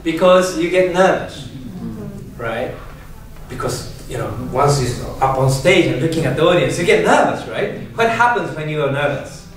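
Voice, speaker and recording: A man's voice: fairly high pitch, animated, normal speed. A man teaching a speech class, asking questions and laughing often, recorded in a classroom from across the room. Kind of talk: classroom lesson. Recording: echoey room, distant mic, background noise.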